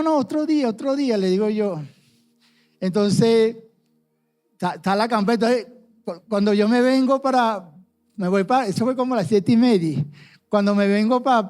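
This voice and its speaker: A middle-aged man with a Venezuelan accent giving a personal testimony at church, halting and often repeating his words. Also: high voice, darkish tone. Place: church service.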